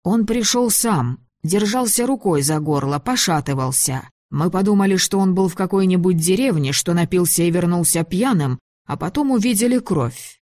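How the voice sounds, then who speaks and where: A woman voicing a frightened young male German soldier who speaks slowly and haltingly, in a storybook reading. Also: on the low side, dark tone, no echo, studio quality, natural voice. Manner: slow, halting, shaken.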